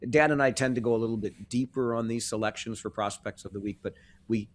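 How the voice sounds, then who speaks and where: Male podcast co-host, easygoing, chatty, mid-pitched. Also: steady tone, fast talker, slight background noise. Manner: genial, conversational, chuckles often. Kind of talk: casual sports podcast chat.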